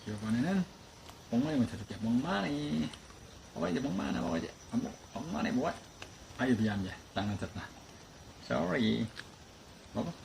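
A man with a gravelly, creaky voice coos at his dogs in affectionate baby talk, his pitch bouncing widely up and down. Steady background noise is clearly heard under the recording. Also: normal speed, long pauses. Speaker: dog owner vlogger. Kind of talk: casual talk to pets.

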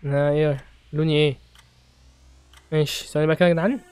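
Young egyptian guy streaming a game, talks super fast, kinda high voice, gets loud and yells at players. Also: clean tone, no echo. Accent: Egyptian Arabic. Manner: excitable, shouts at other players, jokey. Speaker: gaming streamer. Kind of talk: let's-play commentary.

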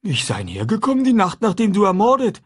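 Brief: timid, simple man pleading in broken speech, pitched high and husky. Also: wildly swooping pitch, fairly quick, full character voice. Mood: eager plain. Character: frightened hungry grown man, pleading and simple. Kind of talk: audiobook character voice.

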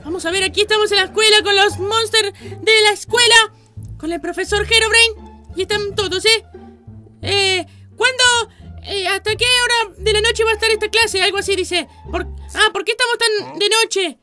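A woman hosting a video reaction, giving excitable commentary and often shouting and exclaiming at the screen. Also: extremely high pitch, moderate pace, faint music behind.

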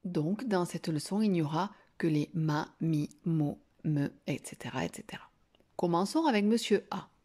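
A woman teacher giving a reading lesson to young children, slowly sounding out syllables and words. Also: fairly low pitch, mellow. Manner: slow, drawn-out sounding of syllables.

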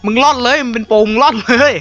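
A man chatting excitably and swearing while playing an online game with friends, with game music behind him. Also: very high-pitched, very fast, dull audio. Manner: excitable, swearing, laughing banter. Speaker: gaming YouTuber. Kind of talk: casual gaming chat.

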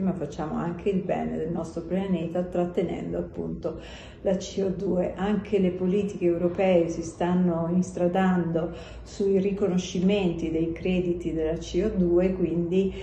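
A middle-aged woman, a company president, speaking in a recorded video message with a measured, unhurried delivery and some hesitations. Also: on the low side, dark tone, highs cut off. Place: indoor office or room. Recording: echoey room, faint background noise.

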